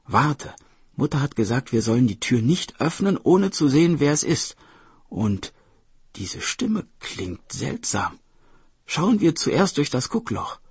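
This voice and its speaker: A man's voice: medium pitch, sing-song, slow, slightly rough, dry recording, voice pushed up, full character voice. A man voicing a cautious, clever boy who keeps asking questions. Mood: wary. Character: wary, clever boy, the older brother.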